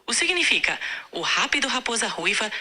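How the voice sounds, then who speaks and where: A woman's voice: on the high side, sing-song, brisk, sharp tone. A synthetic female AI voice acting as a language tutor, polite, patient and encouraging.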